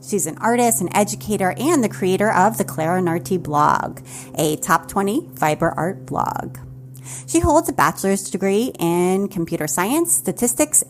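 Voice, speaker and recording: A woman hosting a craft business podcast, reading sponsor copy and a guest introduction in a smooth, upbeat way. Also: medium pitch, slight background noise. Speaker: podcast host. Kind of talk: scripted intro and interview.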